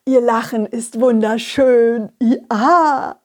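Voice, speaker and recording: A woman's voice: on the high side, very slow. A woman voicing a lonely, plodding male donkey who sighs and hesitates. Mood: smitten. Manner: sighing and hesitant.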